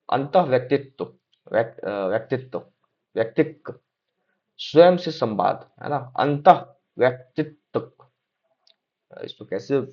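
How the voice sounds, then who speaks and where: A man's voice: mid-range voice, creaky, darkish tone. Man teaching a lecture, dull lo-fi sound. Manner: repeats check-in tags like "है ना?" and "ठीक है?"; hesitant fillers while reading out points. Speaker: exam-prep teacher. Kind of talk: explanatory lecture.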